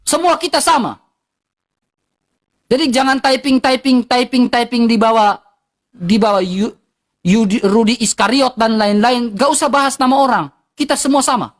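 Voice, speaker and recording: Her voice on the high side and her pace normal, an eastern Indonesian-accented woman vents hotly and bluntly to livestream viewers, saying things over again for emphasis.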